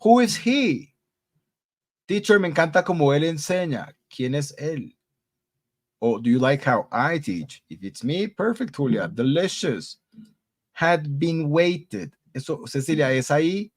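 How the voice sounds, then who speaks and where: A man with a fairly high, animated, unhurried voice teaches an English grammar class live online, reading out student answers. He's upbeat and encouraging, moving between Spanish, English and Portuguese and repeating praise such as "muy bien."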